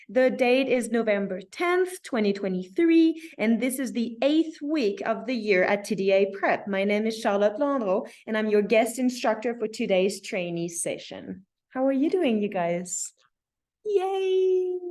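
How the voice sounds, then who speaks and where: A French woman with a French accent teaches a dance class encouragingly, often checking in with her students. Her voice is high, with a darkish tone.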